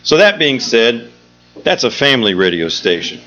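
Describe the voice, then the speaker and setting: Sing-song and a bit bright, a man's mid-range voice moves at a moderate pace as he welcomes a live audience informally and with jokes. He's the executive director of a theatre hosting a show, heard on a dull lo-fi live recording over background music.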